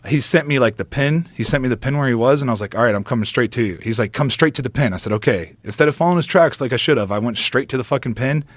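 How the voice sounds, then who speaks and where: A man, a podcast guest, telling a story in an animated, profane way and acting out the quotes. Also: mid-range voice, rapid-fire, few pauses, dry recording.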